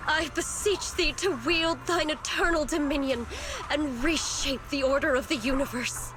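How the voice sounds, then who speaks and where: A woman's voice: high voice, fairly even intonation, normal speed, music in the background, close to an everyday voice. A woman voicing a fanatical, scheming villainess in a game, theatrical and condescending in her delivery. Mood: fervent prayer. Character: fanatical scheming female villain devoted to a Creator. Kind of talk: scripted video game voice acting.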